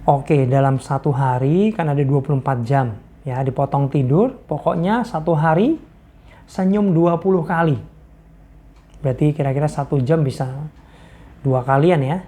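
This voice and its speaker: A woman's voice: low-pitched, dark tone. A woman preacher giving a casual devotional sermon, exhorting and telling stories with frequent laughter. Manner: storytelling, exhorting; laughs often.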